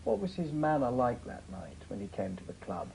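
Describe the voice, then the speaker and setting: Male interviewer, gravelly dark voice, probing halting questions. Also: medium pitch, very animated, a little hiss or hum, rough recording.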